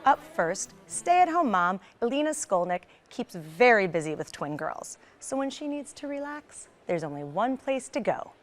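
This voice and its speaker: A woman hosting a restaurant review show, reading a bright, lively introduction and guiding the conversation. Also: mid-range voice, normal speed, few pauses, faint music behind. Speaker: host. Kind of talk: scripted TV introduction and moderating.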